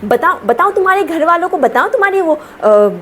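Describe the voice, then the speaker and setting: A woman's voice: very high-pitched, very animated, normal speed, fairly bright tone, pitched above the performer's own voice, heavily acted. A woman playing a sly, pushy middle-aged aunty neighbour who wheedles and gets defensive. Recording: noisy home recording.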